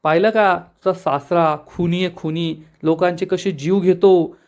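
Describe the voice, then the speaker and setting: A man's voice: steady tone, unhurried. A man reading a scheming accusing aunt. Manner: shrill accusing, stirring trouble.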